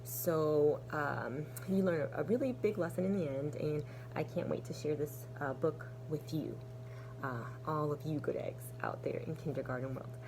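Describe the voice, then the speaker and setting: A kindergarten teacher with a low-sitting voice reads a storybook aloud to young children, animated and deliberate, slipping in hushed, breathy asides. Background noise can be heard.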